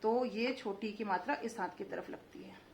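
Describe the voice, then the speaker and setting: A woman teaching children Hindi vowel signs, breaking words into syllables slowly and clearly. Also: a little high. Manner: slow, syllable-by-syllable pronunciation for children. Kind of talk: children's phonics lesson. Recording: echoey room with faint ambient noise.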